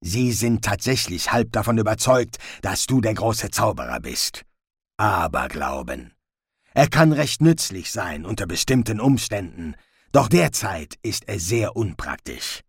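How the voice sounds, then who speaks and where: A man voicing a cruel, imperious lord who speaks slowly and with quiet menace. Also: lowish voice, slightly rough, no echo, studio quality, heavily acted. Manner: slow, menacing, commanding.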